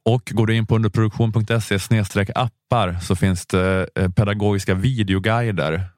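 A man's voice: lowish voice, steady tone, a little mellow, no echo, studio quality. A man hosting a podcast in casual conversation, often hesitating and repeating words as he thinks, then reading a subscription promo. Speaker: podcast host.

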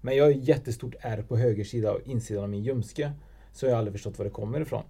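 Man, podcast host, very dark gravelly voice, loose chatty delivery. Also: mid-range voice. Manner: loose, chatty, full of fillers like "bara" and "typ". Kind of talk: casual chat.

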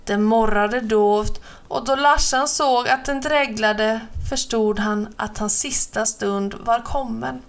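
A woman narrating a children's adventure story in a steady, expressive reading voice. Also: a little high.

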